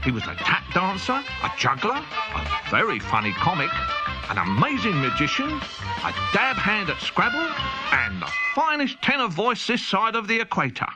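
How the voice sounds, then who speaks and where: On a low-quality recording over loud music, a male storyteller delivers scripted children's audiobook narration at normal speed. His high voice swoops wildly in pitch, and he reads in a playful, comic, spirited manner.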